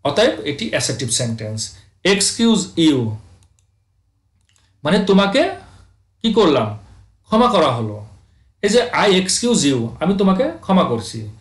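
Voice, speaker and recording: A man teaching English grammar over slides, asking his students questions and answering them himself, reading the English examples out slowly. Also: on the high side, sing-song, roomy sound. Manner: addresses students as dear friends, asks and answers own questions; reads English examples slowly, then explains.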